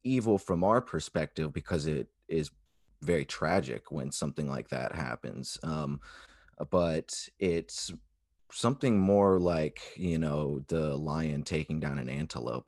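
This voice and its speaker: Deep-voiced man, halting and tentative. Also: a little mellow, dry recording, studio quality. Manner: halting, tentative, searching for words. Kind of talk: casual philosophical discussion.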